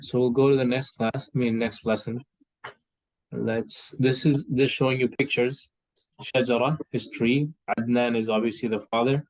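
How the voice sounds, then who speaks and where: A man's voice: medium pitch, low-quality recording. Patient man teaching Arabic vocabulary. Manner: patient, quizzing students, explains slowly with fillers. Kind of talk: online class lesson.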